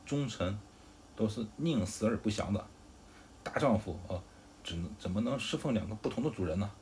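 A rash, furious general bellows accusations and threats, loud and blustering, as a man puts him on. The voice sits fairly low and pushes hard at every line. It is a storybook retelling with a faint hiss behind it. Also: expressive, brisk. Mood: angry. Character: hot-tempered shouting male general.

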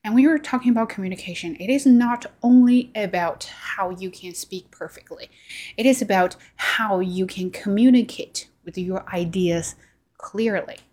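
In a casual reflective monologue, a Chinese-accented woman, a native Chinese speaker, talks earnestly to camera about language learning. Her mid-range voice is a little mellow and she speaks at normal speed, often restarting sentences and using "like" and "right?"

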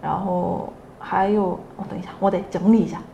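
A young woman from South Korea speaking as a second-language speaker with a Korean accent, answering casually as an interview guest and pausing to search for words. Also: fairly low pitch, steady tone, creaky, highs cut off. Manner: hesitant, pausing to search for words, frequently agreeing. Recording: echoey room with faint noise.

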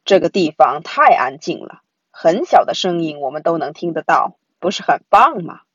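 A contented, easygoing dad , as a woman reads him. He speaks gladly and calmly, in a breathy and lively tone. The recording is dry. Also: on the low side, moderate pace, dry recording, muffled recording, voice pushed down. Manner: content, pleased. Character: cheerful father who loves quiet countryside.

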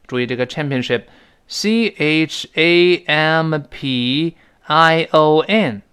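A man's voice: medium pitch, fairly bright tone, clear, resonant tone. A man teaching a spoken English lesson, explaining in Chinese, reading English example sentences and spelling words out letter by letter.

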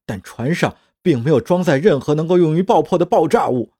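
A man's voice: a little high, animated, warm tone, pitched above the performer's own voice. A man voicing a stressed male starship pilot who answers hurriedly. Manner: fast, hurried.

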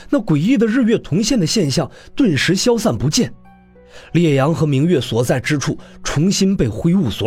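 Male narrator for a web-novel audiobook: slightly husky, with lots of movement in the voice. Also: fairly high pitch. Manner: animated storyteller, rising and falling delivery.

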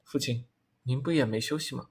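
A man voicing a fifteen-year-old boy who answers calmly and with quiet resignation, in a gravelly, husky voice. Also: medium pitch, fairly quick. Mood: gentle. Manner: calm, quietly resigned replies. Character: fifteen-year-old boy, composed beyond his years.

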